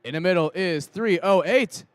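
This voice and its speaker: A man's voice: sits high, moderate pace, a little hiss or hum. A man working as an event announcer, giving punchy, showman-like team introductions. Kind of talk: scripted live team introductions.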